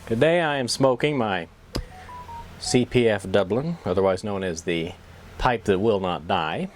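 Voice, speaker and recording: A pipe-smoking YouTube vlogger chats casually to the camera in a folksy, rambling, self-deprecating way, sounding as if his pipe is in his mouth. His voice is lowish and unhurried, with a little hiss or hum in the recording.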